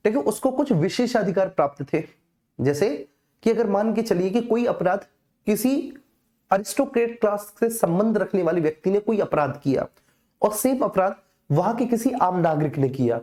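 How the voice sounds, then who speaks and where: A teacher with an Indian accent and a warm, medium-pitched voice gives an explanatory exam-coaching lecture. She speaks to her students familiarly and repeats key phrases to stress them.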